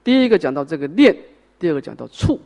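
A man's voice: fairly high pitch, big pitch swings, fast talker, creaky, dull audio. A man teaching a Buddhist sutra, explaining each point step by step and answering his own questions. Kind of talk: sutra lecture.

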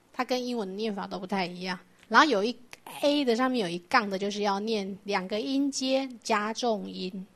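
A woman's voice: mid-range voice, a bit bright. A woman teaching a Buddhist doctrine lecture, explaining patiently and asking her class rhetorical questions.

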